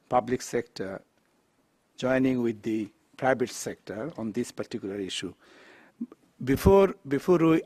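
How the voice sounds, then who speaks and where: Slow, courteous man moderating a panel. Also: mid-range voice, no room sound, clean studio sound. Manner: courteous, unhurried, hesitant.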